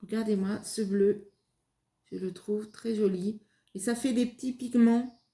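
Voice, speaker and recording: A woman hosting a casual craft demonstration, taking her time with a soft, mellow voice. She talks hesitantly, with lots of fillers and restarts. The sound is roomy and echoey. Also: mid-range voice, fairly even intonation, a little slow. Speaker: craft video host. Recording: echoey room.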